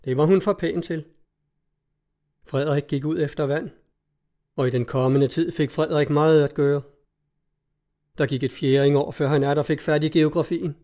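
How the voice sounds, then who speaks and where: A man narrating an audiobook in a measured, even storytelling manner. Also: fairly high pitch.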